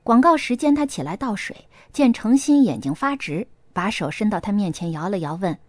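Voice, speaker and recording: A woman reads a story aloud, expressive and storytelling, with a lively, wide-ranging pitch. The recording is dry and close, with no room sound. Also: moderate pace, no room sound. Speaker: narrator. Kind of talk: audiobook narration with acted dialogue.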